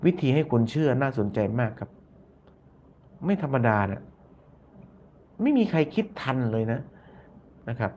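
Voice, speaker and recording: A man hosting a YouTube live stream speaks in a sing-song, mid-range voice at a measured pace, leaving long pauses, with a little hiss or hum audible. He reads out viewer comments, thinks them over aloud, repeats his own phrases, and softens his lines with polite particles.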